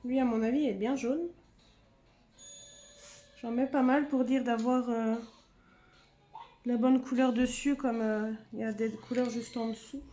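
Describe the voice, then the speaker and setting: A woman's voice: fairly high pitch, fairly even intonation, a little slow, pauses often, warm tone, faint music behind. A woman casually talking through a craft demonstration, muttering to herself as she searches for items. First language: French. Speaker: craft video host.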